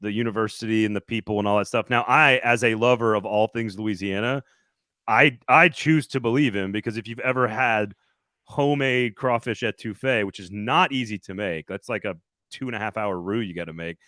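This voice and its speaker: A sports podcast host reporting on location, this man has a lowish, pushed, bright voice and talks a little fast. He hosts a casual sports talk show, rambling and often restarting sentences, with clean, echo-free studio sound.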